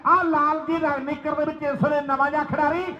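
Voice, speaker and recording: A man giving excited live kabaddi commentary, repeating players' names and phrases. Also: very high-pitched, fast talker, echoey room, dull audio. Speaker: kabaddi match commentator and announcer. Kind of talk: live rural sports commentary. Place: outdoor village sports ground.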